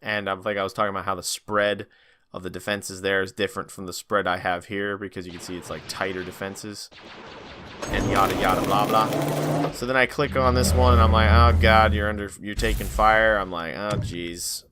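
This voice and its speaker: A man's voice: deep voice, fairly even intonation, normal speed, background noise. A tired man giving casual, rambling commentary over a strategy game, acting out his own reactions. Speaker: gaming YouTuber.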